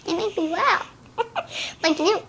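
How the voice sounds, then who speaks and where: A woman's voice: very high-pitched, lively intonation, slow pace, background noise. A young woman being interviewed in a casual chat, blunt and insistent, often giggling between answers.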